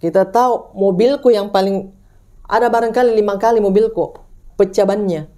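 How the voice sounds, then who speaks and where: Chatting casually, a woman from Indonesia recounts a ghost story at a moderate pace in a dark tone. She rambles, keeps restarting, and performs the people in the tale with high-pitched voices.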